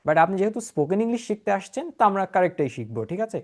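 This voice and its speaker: A man's voice: high-pitched, sing-song, rapid-fire. Bangladeshi man teaching English pronunciation. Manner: explains in Bengali mixed with English, often checks understanding. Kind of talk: online class with screen share.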